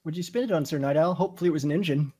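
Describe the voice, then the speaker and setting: A man playing a tabletop game as the dark overlord over voice chat. He jokes in a mock-bossy way. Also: on the high side, very fast, breathy edge. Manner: playful, mock-bossy, laughs often. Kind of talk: casual in-character game banter.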